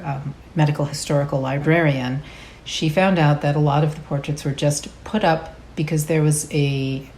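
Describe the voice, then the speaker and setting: Gravelly, low-voiced woman professor. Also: darkish tone, slight background noise. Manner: conversational, with frequent likes. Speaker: professor of medicine. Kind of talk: interview.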